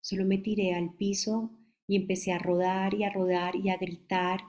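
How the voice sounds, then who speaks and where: A woman in her forties with a Colombian accent, a mother giving a halting, emotional personal testimony. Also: medium pitch, level tone, darkish tone. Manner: halting, emotional, restarts mid-phrase.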